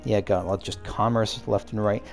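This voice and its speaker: This man hosts a let's play, speaking a little fast in a low-leaning voice with vocal fry and a steady tone. He muses aloud as he plays, wandering off and cutting himself short, while faint music sits behind him.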